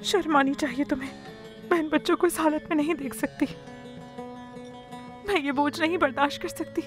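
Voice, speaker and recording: A woman's voice: high voice, steady tone, normal speed, over music, natural voice. An actress dubbing a grieving mother who pleads tearfully for her son. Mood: reproachful. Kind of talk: Urdu film dubbing.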